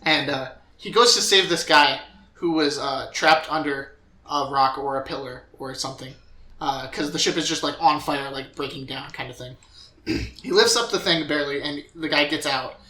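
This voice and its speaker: Young male podcast host, bright tense tone, rambling recap, echoey room. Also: on the high side, moderate pace. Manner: rambling recap with filler words and acted quotes.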